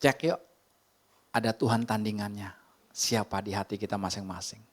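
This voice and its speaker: A man preaching a sermon in a church, emphatic and conversational, sometimes rising sharply in pitch for emphasis. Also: fairly even intonation, normal speed. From Indonesia. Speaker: pastor. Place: church hall.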